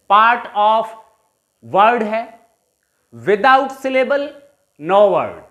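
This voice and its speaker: Slow, deliberate Indian English teacher woman. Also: medium pitch, fairly bright tone. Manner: deliberate, repeats questions to viewers. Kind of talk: bilingual phonetics lecture.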